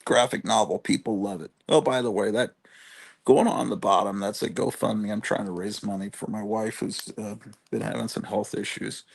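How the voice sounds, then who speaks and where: A man in his late fifties with a gravelly, husky voice, chatting casually on a livestream. He reads viewers' messages aloud, drifts between stories, trails off and picks up again, and is quick to poke fun at himself. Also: on the low side. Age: 50s. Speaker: comic collecting livestream host.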